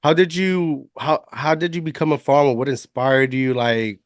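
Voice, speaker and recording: A man's voice: medium pitch, steady tone, moderate pace, no room sound, studio quality. Upbeat man hosting from Puerto Rico. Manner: enthusiastic, stumbling restarts. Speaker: podcast host. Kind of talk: casual interview chat.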